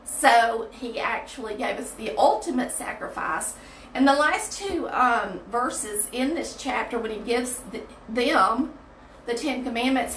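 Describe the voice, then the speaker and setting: A woman's voice: on the high side, a bit bright. A woman with a Southern US accent leading an informal online Bible study in a conversational way, often checking in with "okay?", recorded in a bathroom. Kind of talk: casual Bible teaching chat on a livestream. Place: echoey bathroom at home. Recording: echoey small room, distant mic, faint noise.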